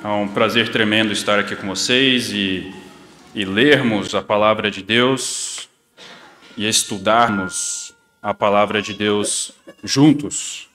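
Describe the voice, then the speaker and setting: A man, a pastor, telling a children's story and then preaching a sermon, with steady, emphatic delivery. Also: on the low side, takes it slowly, a little hiss or hum. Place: church sanctuary. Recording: long church-hall reverb.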